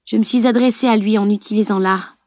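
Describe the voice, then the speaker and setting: A woman's voice: mid-range voice, steady tone, quick pace, a little mellow, no echo, studio quality, lightly acted. A woman reading an audiobook, voicing an impulsive, emotional teenage girl in a raised, urgent voice. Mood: worried.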